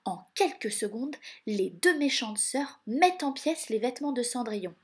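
A woman telling a fairy tale to children, dropping often into a hushed, breathy half-whisper. Her voice sits fairly high and turns lively at exciting turns. Each sentence is shaped for young listeners. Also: moderate pace. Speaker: storyteller. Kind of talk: animated read-aloud for children.

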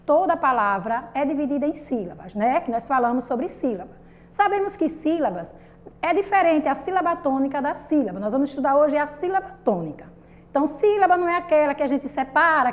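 A woman teaching a primary school lesson to children with a Brazilian Portuguese accent, patient and repetitive, asking the class questions and drawing out syllables. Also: high-pitched. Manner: patient, repeats and asks the class questions, drawn-out sung syllables.

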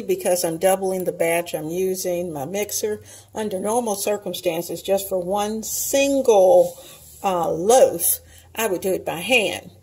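A woman's voice: mid-range voice, darkish tone, husky, poor audio. A woman hosting a home cooking video, chatting casually and talking viewers through each step as she cooks in her kitchen.

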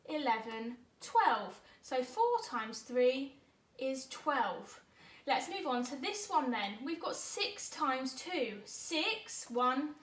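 A woman's voice: high voice, fairly bright tone, roomy sound. A woman giving a maths lesson for young children, teaching a child to count aloud step by step in an encouraging way, as a primary teacher. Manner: encouraging, addressing pupils directly.

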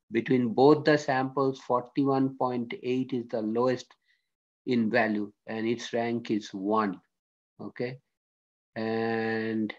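A man teaching a statistics lesson as a screen-recorded voice-over, working through it step by step and often checking in with "okay?". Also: medium pitch. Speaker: statistics lecturer. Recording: dull lo-fi screen-recorded audio.

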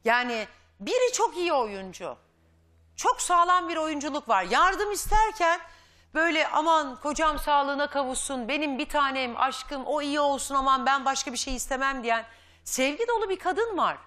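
Lively high-voiced woman show host. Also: moderate pace. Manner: firm, lecturing, confronting guests. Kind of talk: live daytime talk show.

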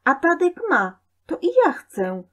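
A woman reading a storybook aloud, voicing a stubborn little boy who shouts and demands. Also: mid-range voice, big pitch swings, slow. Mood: demanding.

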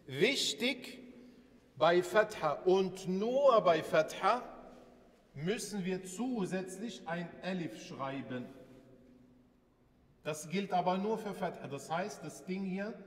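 An Arabic alphabet teacher with a high, expressive voice speaks slowly in a large hall. It's a classroom lesson where he patiently asks students questions and repeats his points.

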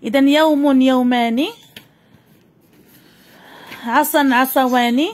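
A woman with a Moroccan accent teaching a grammar lesson to young pupils, dictating slowly and repeating each word. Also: high voice, fairly even intonation.

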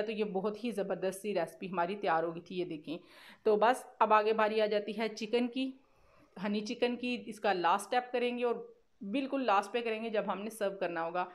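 With a mid-range voice and a Pakistani accent, a cooking vlogger narrates her steps in a casual, conversational style, and the same filler phrases keep coming back.

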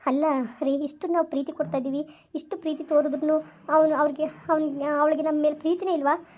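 A woman's voice: high-pitched, little pitch movement, fast, a little mellow. A woman hosting her channel and playing an anxious, possessive lady of the house in a family skit, asking viewers to like and subscribe. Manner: anxious, fretful, appealing to viewers. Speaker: channel host and actor. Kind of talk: amateur family drama acting and vlog outro.

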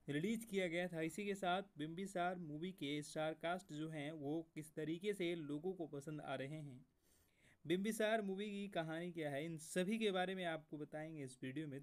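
A man hosting a movie review video, talking casually to viewers as friends and pausing now and then with fillers. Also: fairly high pitch, a little mellow. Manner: keeps addressing viewers as friends, halting with fillers. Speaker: movie review channel host.

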